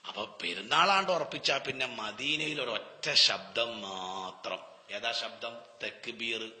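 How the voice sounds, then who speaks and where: A man's voice: mid-range voice, slow pace, long reverb tail. Preaching man. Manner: storytelling preaching with rhetorical questions, swinging between loud and hushed. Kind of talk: Ramadan sermon.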